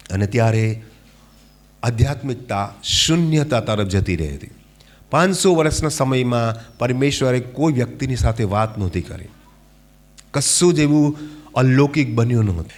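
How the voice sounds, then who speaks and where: A male preacher delivering a fervent sermon. He keeps asking his listeners questions and calling for claps and hallelujahs, dropping to a hush and then rising loud again. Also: mid-range voice. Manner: calls for claps and hallelujahs, asks the congregation questions; dramatic swings from hushed to loud.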